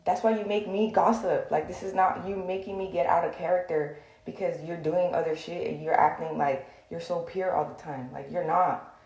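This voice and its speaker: A woman's voice: fairly low pitch, fairly even intonation, normal speed, a little mellow. A young woman in a heated, blunt rant to the camera, swearing and filling with "like". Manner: heated, blunt, swears often, many fillers. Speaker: social media personality. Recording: echoey room.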